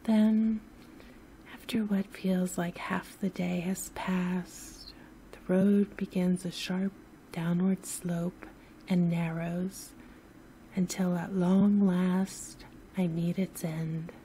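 A woman with a very mellow, dark-toned voice narrates a sleep story. She is soft-spoken and soothing, often drifting near a whisper. Her pace is very slow and unhurried, with faint noise behind her. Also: on the low side, little pitch movement, rough recording. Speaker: host and narrator of sleep stories.

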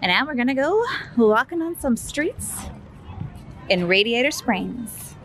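Touring a resort outside and an arcade indoors, a woman in her thirties films herself at arm's length for a casual vlog. Her voice is on the high side, animated, fairly bright, and a little slow, and she plays an upbeat, chatty tour guide pointing things out.

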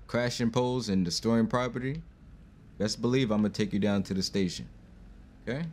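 A man's voice: fairly low pitch, normal speed, a little mellow, a little hiss or hum. Polite formal man playing a cop. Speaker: roleplayer as police officer. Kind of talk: in-character roleplay.

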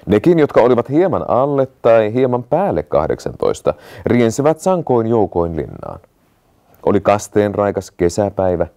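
A man reading a fairy tale aloud, telling it expressively with swelling and hushed passages. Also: lowish voice. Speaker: narrator.

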